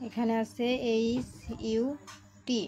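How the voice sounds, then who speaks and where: A woman talks a young class through a textbook lesson, slightly high in pitch. She spells out each word, repeats every step and keeps checking that her listeners follow along. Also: monotone, mellow. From Bangladesh. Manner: explains slowly, repeats each step, asks "ঠিক আছে?" often. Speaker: teacher.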